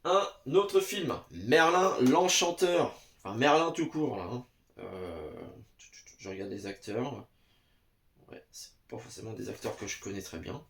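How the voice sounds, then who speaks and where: With a fairly low, gravelly and expressive voice, a man reviews VHS tapes for his vlog from his home basement, the camera in front of him. He talks at normal speed but pauses often, sounding hesitant with lots of "euh", and addresses the viewer directly in a casual way.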